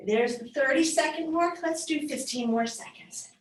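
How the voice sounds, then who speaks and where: A woman yoga teacher leads a live class with hand weights, calling out moves and counting down the seconds as she works out alongside. Her voice sits a little high and she sounds a touch winded. She is picked up from a distance in an echoey studio. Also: moderate pace. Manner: cueing moves, encouraging, slightly winded. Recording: echoey room, voice from far off.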